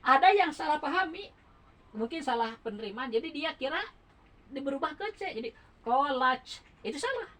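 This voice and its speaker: A woman teaching Quran recitation rules in a relaxed home lesson, patiently spelling out letters and counting beats aloud. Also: high-pitched, fairly quick, poor audio.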